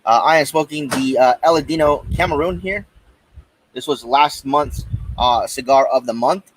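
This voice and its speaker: An American man hosts a podcast live from outdoors in a backyard, chatting informally with viewers in a hesitant, rambling way. His medium-pitched voice has a breathy edge and a normal speed, and the recording is rough.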